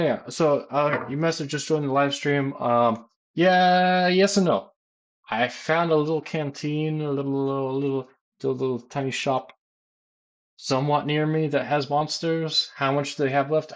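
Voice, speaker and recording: American guy rambling on a live stream, lots of ums, medium pitch. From United States. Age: adult, works as a teacher. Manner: rambling, many fillers and restarts. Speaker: gaming streamer answering chat questions. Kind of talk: casual live-stream chat.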